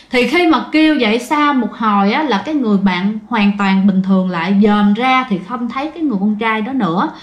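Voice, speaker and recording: A woman with a Southern Vietnamese accent hosting a ghost story show, telling the tale in a chatty way and speaking straight to her listeners. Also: fairly high pitch. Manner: chatty, addresses listeners directly. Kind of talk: casual spoken storytelling. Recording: roomy echo.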